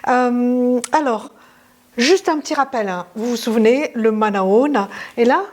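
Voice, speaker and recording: Casting: woman language teacher, slightly high voice, unhurried, chatty with lots of filler. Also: darkish tone. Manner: chatty, many fillers and restarts. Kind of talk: casual video lesson.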